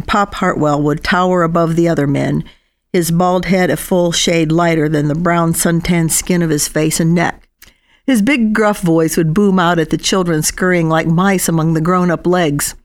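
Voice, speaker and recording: A woman narrating a personal memoir in an unhurried, reflective storytelling manner. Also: lowish voice. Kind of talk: reading a personal memoir aloud.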